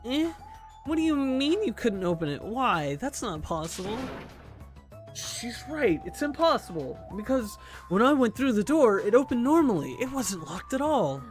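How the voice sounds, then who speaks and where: A woman streamer reading game dialogue aloud, voicing every character in an animated way. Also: on the high side, normal speed, soft background music.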